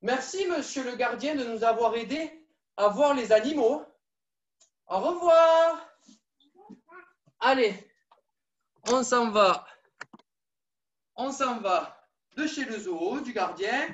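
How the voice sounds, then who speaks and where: A woman with a high voice leads a children's judo class, coaxing and lively as she repeats every instruction. She sounds echoey and far from the mic, as if filmed across a room. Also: slow pace, long pauses, highs cut off. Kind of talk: live online kids' class, story-led exercises.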